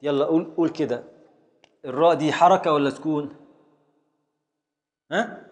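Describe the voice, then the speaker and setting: A man's voice: a little high, moderate pace, in a large hall. A man with an Egyptian Arabic accent teaching a classroom lesson, drilling his students step by step with repeated questions.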